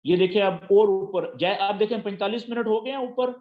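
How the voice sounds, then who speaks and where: A man's voice: high-pitched, a little fast. Patient male trading tutor, dull audio. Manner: patient, repeats key terms and checks understanding. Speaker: forex trading teacher. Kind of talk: screen-share tutorial.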